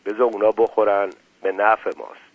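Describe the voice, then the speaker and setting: A man voicing a tough, quietly commanding gang leader, in a dry, phone-like recording. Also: on the low side, flat delivery, dry recording. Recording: dry, phone-like narrow sound.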